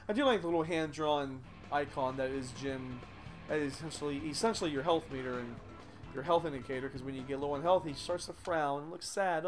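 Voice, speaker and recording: A man hosting a let's play, swearing constantly and ranting sarcastically, rambling with restarts and asides as he plays. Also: a little high. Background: game music.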